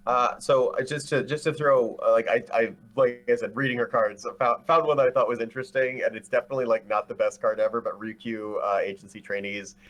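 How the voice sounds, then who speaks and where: A man's voice: mid-range voice, fairly even intonation, brisk, few pauses, fairly bright tone. A man co-hosting a casual podcast, talking eagerly and often restarting his phrases. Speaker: podcast co-host. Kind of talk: casual podcast chat about a card game.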